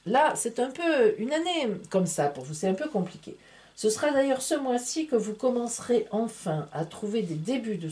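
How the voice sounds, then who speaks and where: A woman's voice: mid-range voice, mellow. Chatty woman reading tarot. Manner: chatty, playful, full of fillers like hein and voilà. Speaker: tarot reader and astrologer. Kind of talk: casual horoscope reading to camera.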